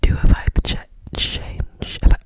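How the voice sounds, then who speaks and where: A woman whispering close to the mic in an ASMR poetry reading, softly repeating words as triggers. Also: unhurried, rough recording. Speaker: ASMR creator.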